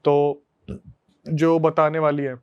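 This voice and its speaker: A man hosting a podcast, telling a story to his friends in a casual, animated way. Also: fairly high pitch, slow pace, clear, resonant tone, highs cut off. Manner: animated, conversational retelling to friends.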